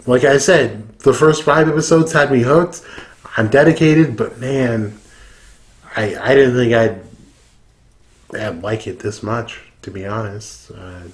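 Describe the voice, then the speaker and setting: Slow-talking drunk man reacting casually. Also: fairly low pitch. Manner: heavy swearing and slang. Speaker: YouTube reaction host.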